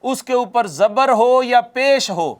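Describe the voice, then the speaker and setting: A man's voice: very high-pitched, expressive. A man teaching Quran recitation rules in a recorded lesson, asking questions and answering them himself, repeating key points and demonstrating nasal sounds aloud.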